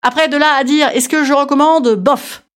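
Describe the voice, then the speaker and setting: A woman's voice: high-pitched, fairly even intonation, moderate pace. Bawdy self-mocking woman podcast host. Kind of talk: comic monologue. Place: Paris.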